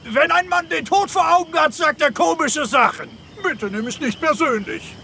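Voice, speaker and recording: A man's voice: very high-pitched, moderate pace, creaky, bright, forceful tone, slight background noise, exaggerated voice. A man dubbing a frightened would-be preacher who pleads in a shaken voice, in a German film dub. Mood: pleading, shaken.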